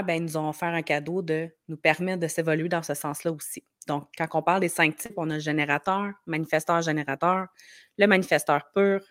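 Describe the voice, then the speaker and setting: A woman with a Quebec French accent and a fairly low voice, recorded close and dry. She sounds gravelly and a bit hoarse from a cold coming on, and explains in a loose, conversational way with many filler words. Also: no room sound. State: slight head cold starting. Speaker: podcast guest, marketing strategist.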